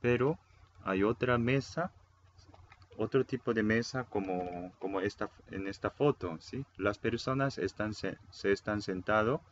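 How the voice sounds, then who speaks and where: Guy teaching a casual online lesson in spanish, super slow, repeats stuff, lo-fi sound with faint hiss. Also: on the low side. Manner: unhurried, explains step by step, repeats words, frequent "eh". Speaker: Korean language teacher. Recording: dull lo-fi sound, faint noise.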